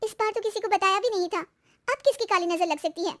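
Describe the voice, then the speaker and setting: A woman's voice: very high-pitched, brisk, a bit bright, pitched above the performer's own voice. A woman voicing a chatty young cartoon bride. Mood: worried. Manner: chatty, complaining. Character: young daughter-in-law, chatty and quick to blame.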